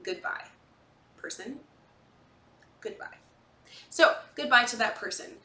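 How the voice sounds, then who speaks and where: Speaking slowly in a slightly high, bright and forceful voice, this woman in her forties hosts a podcast and video channel. She opens up to her viewers in a frank, casual, emphatic way, voicing her inner thoughts as a confession. It's recorded in an echoey space from a distant microphone.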